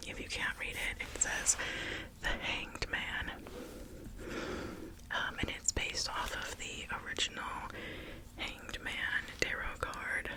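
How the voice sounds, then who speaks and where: An ASMR creator chatting in a soft, breathy whisper, with gentle pauses between phrases.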